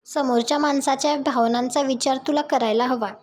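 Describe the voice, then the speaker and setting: A woman reading out the lines of a hurt young man who doubts his ex-wife, in her own high voice. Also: steady tone, fairly quick, darkish tone, lightly acted.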